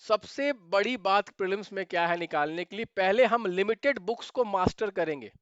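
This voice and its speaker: A man's voice: high voice, moderate pace, fairly bright tone, clear, resonant tone, no echo, highs cut off. A man giving exam preparation advice straight to viewers, emphatic and repeating his points for stress. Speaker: exam prep mentor. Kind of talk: direct-to-camera advice video.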